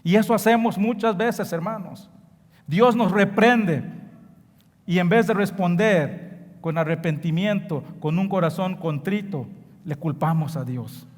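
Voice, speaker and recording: A man's voice: sits high, a little slow, in a large hall. A man preaching a sermon with passion, stressing key phrases and sometimes repeating a word as he searches for the next. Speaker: pastor. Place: church sanctuary.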